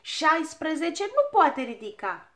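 Brief: calm explaining dwarf, read by a woman, high, matter-of-fact, storybook. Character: sensible male dwarf with a spyglass, explainer.

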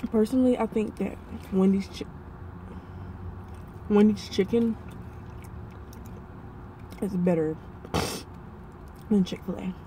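A woman's voice: medium pitch, extremely slow, long pauses, background noise. Woman talking with her mouth full. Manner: relaxed, rambling, talking between bites. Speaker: vlogger. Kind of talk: casual chat while eating.

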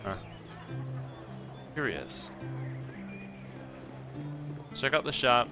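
A man's voice: medium pitch, animated, drawn-out words, over music. A man casually commenting on his own gameplay as the host of a let's play, chatty and self-mocking, talking to the characters on screen.

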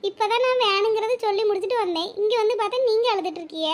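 A woman's voice: extremely high pitch, rapid-fire. A woman voicing a kind, reassuring young married woman in a cartoon, speaking in a firm, comforting way. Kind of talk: cartoon voice acting.

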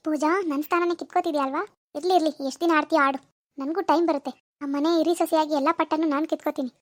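A woman's voice: high voice, fairly even intonation, racing, no room sound, lightly acted. A woman voicing a spiteful, jealous young wife in a cartoon, whiny and scheming. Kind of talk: cartoon voice acting.

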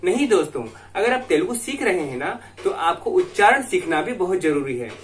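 A man's voice: high voice, sing-song, moderate pace, slight background noise. A man teaching a language online, patiently explaining and repeating each phrase several times so learners can practise. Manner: addresses viewers as friends, patient explaining.

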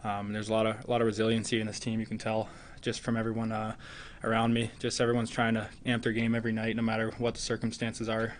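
A man in his twenties, a hockey player, answers press questions after the game from behind a table mic in an arena press room, earnest and full of "you know" fillers. His low voice is completely flat and fast, with a little hiss or hum in the audio.

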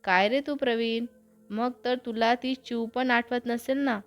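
A woman's voice: a little high, fairly even intonation, measured pace, faint music behind, close to an everyday voice. A woman voicing a cocky, teasing young man in a storybook reading. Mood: wistful. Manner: teasing, boastful.

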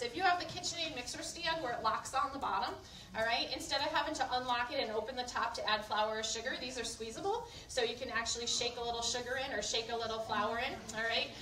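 In an indoor room at a live event, a woman with a bright, forceful, slightly high voice gives a group a chatty, instructive kitchenware cooking demo, regularly checking in with questions. The audio is roomy, picked up by a distant mic, with faint background noise.

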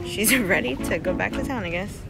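A woman's voice: mid-range voice, expressive, fairly quick, vocal fry, loud music behind the voice. A woman chatting casually to viewers on her pet vlog and talking to her dog, giggly and chatty. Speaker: pet vlogger.

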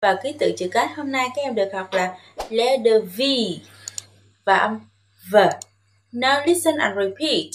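A woman from Vietnam teaching English to young children, modelling words slowly and emphatically for them to repeat and coaxing them with gentle questions. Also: fairly high pitch, expressive, slight background noise. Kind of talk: bilingual classroom lesson with listen-and-repeat drills.

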